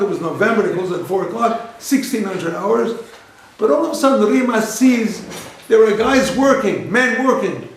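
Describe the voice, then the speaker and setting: A man, a rabbi, telling anecdotes in a lecture, repeating phrases and acting out the dialogue. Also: sits high. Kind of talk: storytelling lecture. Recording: very echoey lecture room.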